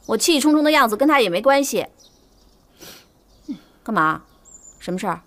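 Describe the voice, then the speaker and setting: An actress playing a guarded fourth concubine who wheedles and pleads, in a period TV drama. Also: female voice, on the high side, expressive, normal speed, a bit bright. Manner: wheedling and coaxing, then secretive. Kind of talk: Chinese period TV drama, dubbed dialogue.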